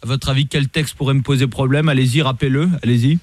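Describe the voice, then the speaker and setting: A man, a radio host, playing a gruff, insulting police commissioner in a prank phone call, barking short orders. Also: medium pitch, steady tone, fast talker, darkish tone, dry recording, soft background music, pitched below the performer's own voice, lightly acted. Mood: bossy. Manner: bossy, rude, scolding, barking short commands.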